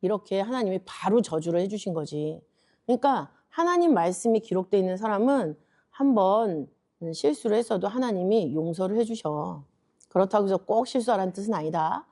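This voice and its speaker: A woman preacher gives a gentle children's Bible lesson, speaking as a mother to her child. She asks questions and answers them herself, soft and patient. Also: medium pitch, animated, a little fast. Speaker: junior preacher teaching a parents' lesson.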